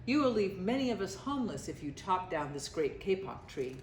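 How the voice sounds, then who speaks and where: A woman's voice: fairly low pitch, big pitch swings, brisk, echoey room, slight background noise. A woman voicing a small, plaintive tree frog pleading in a storybook.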